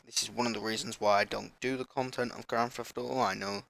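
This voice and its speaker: A man with a sore throat hosting a gaming channel, rambling and apologetic as he haltingly reads a list in a casual announcement vlog. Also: lowish voice, steady tone, creaky, fairly bright tone.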